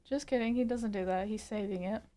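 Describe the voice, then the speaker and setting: A woman's voice: a little high, warm tone. A woman playing a tabletop role-playing game, chatting casually and narrating her character with joking playfulness. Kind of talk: casual table chat, narrating own character in third person.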